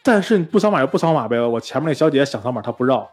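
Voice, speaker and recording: 快嘴活泼的男播客主持. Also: male voice, medium pitch, very fast, husky, faint music behind. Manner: animated storyteller, mimics quarrelling voices, many restarts. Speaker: podcast co-host. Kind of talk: casual chat, storytelling.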